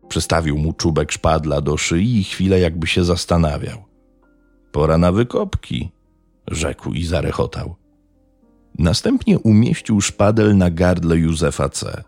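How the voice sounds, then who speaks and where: A man narrating a true-crime story in a measured, grave tone. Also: low-pitched, darkish tone, no echo. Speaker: podcast narrator.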